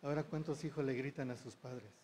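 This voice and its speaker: A man's voice: mid-range voice, fairly even intonation, a little fast, darkish tone, a little hiss or hum. A man preaching a sermon, often checking in with the congregation through short rhetorical questions.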